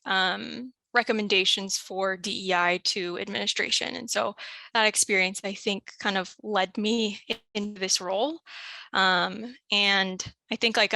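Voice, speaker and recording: A woman's voice: mid-range voice, pushed and bright, dry recording. A woman in her thirties, a university staff member speaking casually on a panel with many "um" and "like" fillers. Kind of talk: panel talk about her career.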